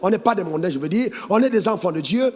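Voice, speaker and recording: High-voiced preacher, sing-song and animated. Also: male voice, fast talker. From Côte d'Ivoire. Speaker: pastor. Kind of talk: sermon.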